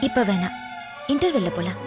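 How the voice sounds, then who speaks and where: A woman's voice: medium pitch, big pitch swings, a little fast, lightly acted. An actress playing a cheerful, headstrong young female college student who talks in a chatty, coaxing way. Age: young adult. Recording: film soundtrack under loud music.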